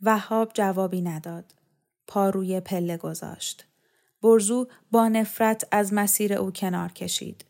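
A woman reading a literary story aloud in a calm, measured narration. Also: medium pitch, vocal fry. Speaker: story reader. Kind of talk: scripted narration.

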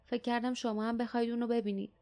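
A woman voicing a gentle young female Kin creature from an audiobook, talking softly and eagerly. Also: fairly high pitch, level tone, close to an everyday voice.

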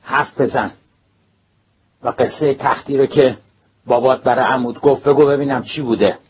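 A man's voice: medium pitch, steady tone, slightly rough, voice pushed up. A man doing a furious bellowing school principal. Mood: furious shouting. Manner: shouting, scolding, threatening. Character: furious middle-aged male school principal. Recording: dull lo-fi recording, faint hiss.

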